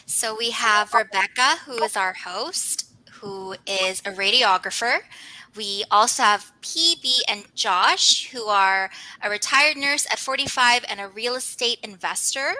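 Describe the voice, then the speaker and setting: Very bright woman panelist. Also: fairly high pitch, a little slow, poor audio. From Philippines. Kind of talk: online panel introductions.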